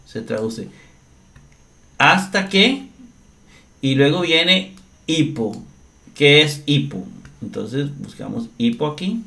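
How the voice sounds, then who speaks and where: A man teaching Greek grammar in a slow, step-by-step screen-share lesson, often checking in with his listeners. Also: a little high, lively intonation, creaky, pushed and bright. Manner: slow, deliberate, often asks "¿verdad?".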